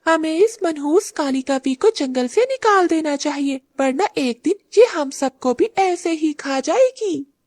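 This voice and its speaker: A woman's voice: high-pitched, expressive, unhurried, a little mellow, no room sound. A woman voicing a spiteful, gossiping forest bird in a cartoon, scornful.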